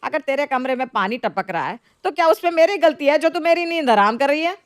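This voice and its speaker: A sharp-tongued middle-aged mother-in-law, voiced by a woman, nagging and mocking in a storybook drama. Her voice sits fairly high and close, with a dry, deadened sound. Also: lively intonation, brisk, no echo. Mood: scolding. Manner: sarcastic, nagging.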